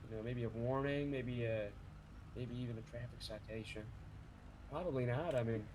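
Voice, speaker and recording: A man playing a police officer in an online role-play, exclaiming in shock at an injury and talking calmly to the hurt man. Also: mid-range voice, normal speed, background noise. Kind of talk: casual role-play chat.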